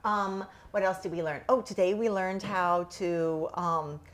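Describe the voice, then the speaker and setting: A woman's voice: on the low side, steady tone, measured pace. A woman hosting a cooking show, chatting with a guest and gushing about the food in a restaurant kitchen. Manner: enthusiastic, gushing, with fillers. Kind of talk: casual chat.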